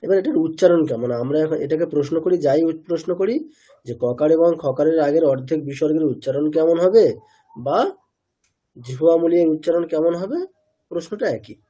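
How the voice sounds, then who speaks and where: A man's voice: a little high, brisk, warm tone. A man teaching pronunciation in an online class, asking students questions, repeating their answers and sounding out syllables again and again. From India.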